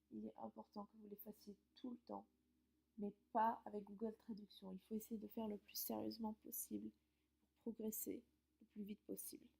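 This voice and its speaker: Gravelly-voiced woman teacher giving tips. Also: mid-range voice, dark tone. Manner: friendly, explanatory, some hesitations. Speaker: English teacher. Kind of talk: giving study tips to camera.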